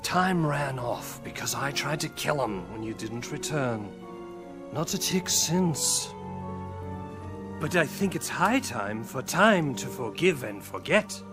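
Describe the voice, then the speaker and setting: An actor playing an eccentric, madcap hatter in a video game, theatrical and erratic, moving between hush and exclamation. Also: male voice, medium pitch, lively intonation, takes it slowly, over music. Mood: wistful, musing. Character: eccentric madcap Hatter, whimsical, excitable lunatic. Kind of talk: video game cutscene acting.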